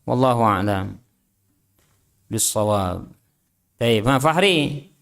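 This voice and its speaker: A man's voice: lowish voice, animated, takes it slowly, gravelly, a bit bright. A man teaching an Islamic study class. He reads Arabic text aloud, translates and explains it, and drills his students with short questions. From Indonesia. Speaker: religious teacher.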